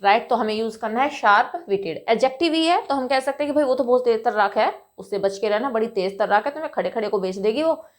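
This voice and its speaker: A woman teaching English vocabulary to Hindi speakers, explaining patiently and often checking with "right?", saying example sentences slowly. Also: on the high side, lively intonation.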